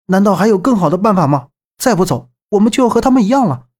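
Man playing a desperate young explorer, high strained voice, rushed, audiobook. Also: expressive, darkish tone. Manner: pleading, pressing.

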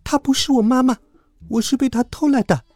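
A man's voice: very high voice, a little fast, a little mellow, voice pushed up. A man voicing a cheeky hero who fakes a baby's cute, babyish voice. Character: cheeky invisible hero mimicking a baby. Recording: dry close recording with faint music.

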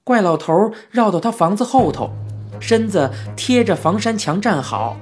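A storyteller with a Beijing-flavored accent narrating a children's audiobook in a lively, expressive first-person telling. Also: medium pitch, normal speed, soft background music. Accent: Beijing-flavored Mandarin.

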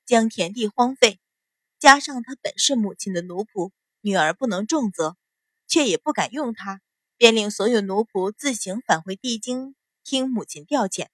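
A woman voicing a calm, sharp-witted young noble daughter who speaks with composed, cool sarcasm. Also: on the high side, moderate pace, no echo.

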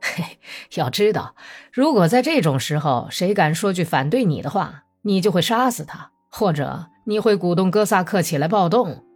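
A woman voicing a smooth-talking male Cossack commander who coaxes and persuades. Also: fairly low pitch, expressive, moderate pace, darkish tone, soft background music. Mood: coaxing. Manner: cajoling, persuasive.

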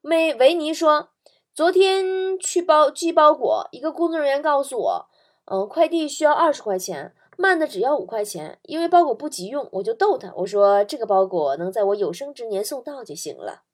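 Lively high-voiced woman telling jokes. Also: moderate pace. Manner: lively storytelling, laughs at her own jokes. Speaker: talk show host. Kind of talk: reading out funny listener stories.

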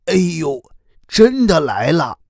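A man voicing a kindly old male turtle who talks slowly and drowsily in a children's audio story. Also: medium pitch, big pitch swings, no room sound, studio quality, voice pushed up. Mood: alarmed. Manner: slow, drowsy and good-humored.

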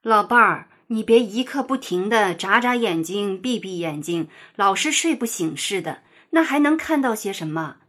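A woman voicing a proud, earnest old male rooster in a children's storybook, speaking in a steady, lecturing way. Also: mid-range voice, normal speed, hardly any pauses. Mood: teasing.

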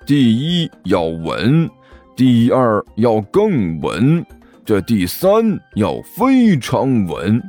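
A man voicing a gruff, boastful middle-aged tomb-robber master who lectures slowly and grumbles at his apprentice. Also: medium pitch, wildly swooping pitch, darkish tone, soft background music, pitched below the performer's own voice, exaggerated voice. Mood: lecturing.

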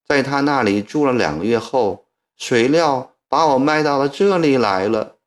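A male storyteller voicing a frail young woman who speaks softly and slowly. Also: mid-range voice, lively intonation, natural voice. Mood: sorrowful. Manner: soft-spoken, slow.

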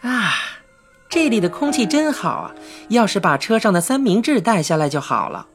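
女声扮演的随性又贪嘴的妈妈. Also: female voice, mid-range voice, very animated, normal speed, soft background music, pitched above the performer's own voice. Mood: carefree. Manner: breezy, gushing. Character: carefree delighted mother.

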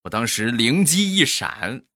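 A man's voice: medium pitch, big pitch swings, measured pace, bright, forceful tone, no room sound, studio quality. A man telling comic family stories in a casual, self-deprecating, wry way. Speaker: comic storyteller.

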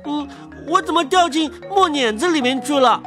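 A woman puts on a tiny, daring storybook boy with a very high, shrill voice that jumps around, teasing and calling out. Soft music runs under the reading throughout. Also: animated, normal speed. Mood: startled. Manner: shrill, teasing, calls out loudly. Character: tiny, bold, cheeky boy hero.

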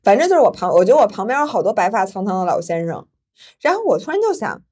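A woman podcast host, telling a story in lively casual chat and laughing often. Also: medium pitch, fast talker, slightly rough.

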